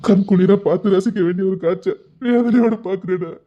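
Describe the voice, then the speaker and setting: A man's voice: high voice, fairly quick. A male storyteller who reads an audio love story, voicing its characters with emotional, tearful delivery. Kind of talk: dramatic audio story narration. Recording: dull lo-fi recording.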